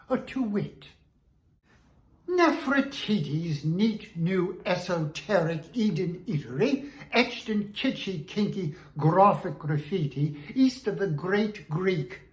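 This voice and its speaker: A woman recites tongue twisters in an echoey room. She goes slowly and deliberately, carefully over-articulating each short phrase at a medium pitch. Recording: roomy, echoing sound.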